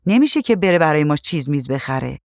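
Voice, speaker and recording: Brief: male narrator doing a restless wife, snappy lines, pitched up, dry close sound. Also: big pitch swings, gravelly, dry recording. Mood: curt. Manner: curt, quick retorts.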